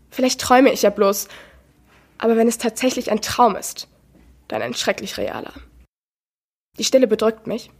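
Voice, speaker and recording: A teenage girl reading a first-person novel excerpt aloud, measured with slow pauses. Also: a little high, breathy edge. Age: teens. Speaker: student reader.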